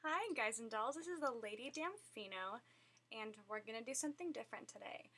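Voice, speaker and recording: Casual young woman vlogger from SoCal, giggly filler-heavy chat, bright, slightly high voice. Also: lively intonation, brisk, breathy edge. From Southern California. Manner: chatty, giggly, lots of fillers.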